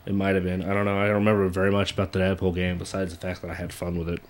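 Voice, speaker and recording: A man's voice: low-pitched, completely flat delivery, rapid-fire. A young adult man rambling in casual chat, swearing and trailing off. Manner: rambling, swearing, jumps into mock voices.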